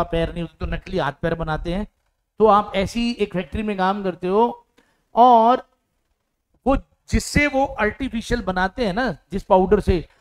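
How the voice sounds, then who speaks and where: Animated, high-voiced man teaching idioms. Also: smooth. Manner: explains with imagined stories and acted-out dialogue; reads English examples slowly, then explains fast. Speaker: English vocabulary teacher. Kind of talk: Hindi-English idiom lesson.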